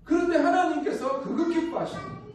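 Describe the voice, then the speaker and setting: High-voiced Gyeongsang preacher in an echoey hall. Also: male voice, fast, noisy background. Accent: Gyeongsang Korean. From Gyeongsang region, South Korea. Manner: storytelling with rhetorical questions and acted-out quotes. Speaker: missionary preacher. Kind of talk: sermon. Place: church sanctuary. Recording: echoey church hall, mic at a distance.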